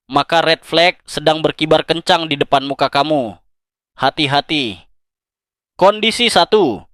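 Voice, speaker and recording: A man's voice: fairly high pitch, a bit bright, no room sound. Man narrating in a dry, close voice. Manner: direct, second-person, persuasive. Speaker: psychology channel narrator. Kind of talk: scripted narration.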